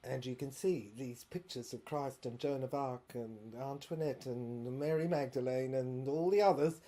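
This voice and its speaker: In an audio drama monologue, a woman voices an obsessive, haunted inventor locked away by soldiers, her speech halting, rambling and theatrical, with words repeated. Her tone is low, rumbling and warm over slight background noise, and the mood is haunted and subdued.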